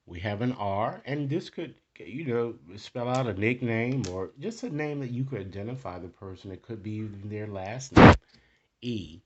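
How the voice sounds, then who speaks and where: This is a tarot-reading host, a man with a lowish voice, chatting casually and improvising his reading to the viewer while often adding brief tag questions. The audio sounds muffled and the background is noisy.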